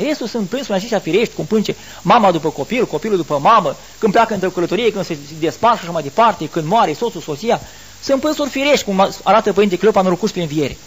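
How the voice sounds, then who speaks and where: A man's voice: high-pitched, husky. A middle-aged man preaching a sermon to the faithful in an earnest, explanatory way, asking rhetorical questions and answering them.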